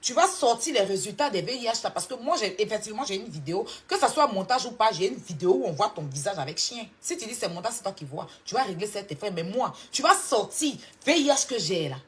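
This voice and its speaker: A woman with an Ivorian French accent delivers a heated live-stream rant. She scolds and mocks someone, hammering her points with insistent repetition, in a middle-pitched voice. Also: sing-song, quick pace, hardly any pauses. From Côte d'Ivoire. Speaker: social media personality.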